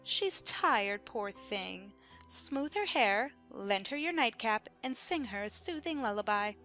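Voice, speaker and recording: Woman playing a haughty, lively-voiced Red Queen. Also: medium pitch, takes it slowly, full character voice. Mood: condescending. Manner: haughty, contradicting, schoolmistress-like. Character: bossy, pedantic Red Queen, an imperious chess-piece monarch. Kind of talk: dramatized audiobook acting. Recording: music behind the voice.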